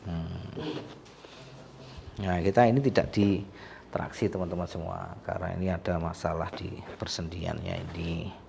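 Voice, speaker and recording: A man's voice: low-pitched, steady tone, measured pace, vocal fry, pauses often, a little mellow, a little hiss or hum. A male sports massage therapist, explaining to viewers while treating a patient, chatty and full of sympathetic exclamations. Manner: chatty, alternates coaxing the patient and addressing viewers.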